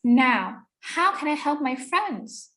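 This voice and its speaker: A woman's voice: sits high, very animated, takes it slowly, bright, forceful tone, full character voice. A woman voicing an earnest young farm girl. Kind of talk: storybook read-aloud for English learners.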